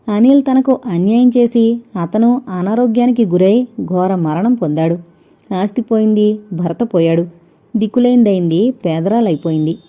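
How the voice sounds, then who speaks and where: Woman reading an audio novel, slow dramatic delivery, muffled lo-fi sound. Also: mid-range voice, dark tone. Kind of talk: scripted audio novel narration. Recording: dull lo-fi recording.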